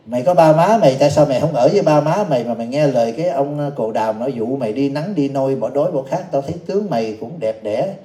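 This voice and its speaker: A man's voice: mid-range voice, quick pace, few pauses, warm tone, close to an everyday voice. A man voicing a bossy, blunt wealthy old woman who scolds, told inside a sermon in a roomy space. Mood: scolding.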